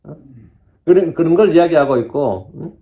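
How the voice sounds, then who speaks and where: A man's voice: a little high, expressive, moderate pace, narrow, tinny audio. A male pastor gives a conversational sermon. He quotes scripture and laughs at his own remarks.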